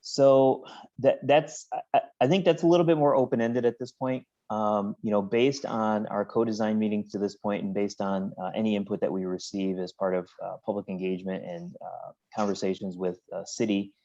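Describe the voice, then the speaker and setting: Low-voiced man, hesitant webinar Q&A on a dull video call. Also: fairly even intonation, moderate pace, mellow. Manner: hesitant, many fillers and restarts. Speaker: project engineer answering public questions. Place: home office with work being done. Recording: muffled lo-fi video call audio.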